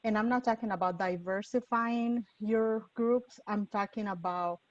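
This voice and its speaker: A woman moderating a webinar panel, speaking unscripted in a halting, earnest way with frequent pauses. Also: medium pitch, no room sound. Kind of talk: webinar discussion, unscripted call to action. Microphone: video call. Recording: dull, lo-fi, distant webinar mic.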